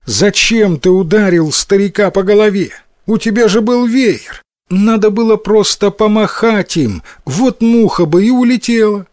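A man's voice: sits high, unhurried, darkish tone, dry recording, clean studio sound, voice pushed up. A man doing an exasperated scolding mother. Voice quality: raised scolding voice.

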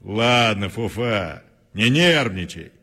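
An actor playing a huge, boastful jerboa guard in a children's audio story, loud and thunderous, brash and commanding. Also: male voice, on the low side, animated, takes it slowly, full character voice. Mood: cocky. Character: huge boastful acrobatic jerboa, cocky self-appointed guard. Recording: long hall reverb.

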